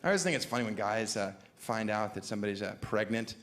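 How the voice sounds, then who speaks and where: A man performing a stand-up comedy set, sardonic and deadpan, slipping into shrill mock voices. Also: fast talker. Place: comedy club stage before a laughing audience. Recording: echoey room with loud crowd.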